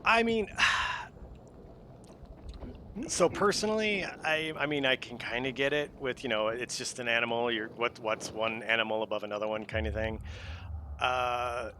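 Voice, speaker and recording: A man's voice: mid-range voice, a little slow, pushed and bright. A man from the United States, streaming and chatting casually, easygoing and rambling with lots of fillers. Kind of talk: casual chat. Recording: faint background noise.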